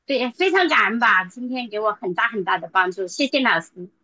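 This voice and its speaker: Woman giving testimony at a Bible study, halting with fillers, bright voice, dry recording. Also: a little high, lively intonation, no echo, muffled recording. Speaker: church member sharing testimony.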